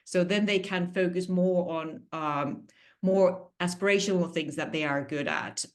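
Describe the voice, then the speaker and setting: A Finnish woman working as an executive coach answers interview questions in a low voice. She speaks in a measured, explanatory way, with phrasing that sounds slightly non-native.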